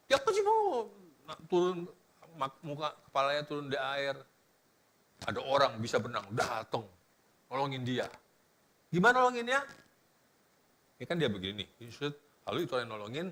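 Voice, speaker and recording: A male pastor preaching in a casual, animated way, swinging between loud exclamations and hushed words, and talking straight to the congregation. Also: a little high. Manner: casual colloquial preaching that addresses the congregation directly. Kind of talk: sermon.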